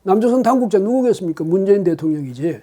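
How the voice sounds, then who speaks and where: Very dark-voiced male political commentator. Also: sits high, animated, fast. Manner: emphatic, with frequent rhetorical questions and hesitant fillers. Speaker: political commentator hosting his own channel.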